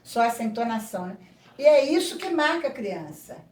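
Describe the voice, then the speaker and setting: A woman speaks in a fairly high, sing-song voice at a slightly fast pace. She is a psychoanalyst guest giving thoughtful, aside-filled explanations in a reflective interview, recorded in an echoey space a little far from the mic.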